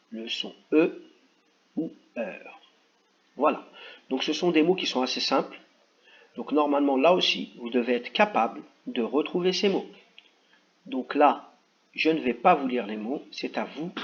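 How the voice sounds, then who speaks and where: A man's voice: medium pitch, muffled recording. A man teaching young children, walking them patiently through reading exercises and stressing each sound and word. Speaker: primary school teacher.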